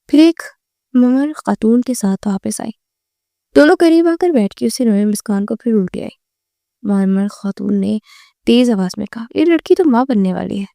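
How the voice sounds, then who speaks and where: A woman narrating a romantic novel as an audiobook, with steady, measured storytelling on a close mic. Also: on the high side, vocal fry, no echo.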